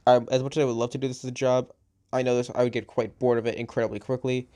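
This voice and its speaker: A man at a mid pitch talks over his gameplay in a loose, rambling way. He sounds a bit tired and often trails off or restarts his sentences. It is plain, unscripted commentary into a home microphone. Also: little pitch movement, very fast, dark tone. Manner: rambling, chatty, self-correcting. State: a little tired. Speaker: gaming channel host.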